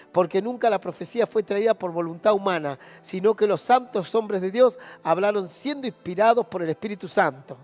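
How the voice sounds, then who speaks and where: High-voiced Rioplatense preacher, faint music. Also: male voice, long reverb tail. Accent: Rioplatense Spanish. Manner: animated storytelling, acting out quoted speakers. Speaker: preacher leading a Bible study. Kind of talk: Bible study sermon.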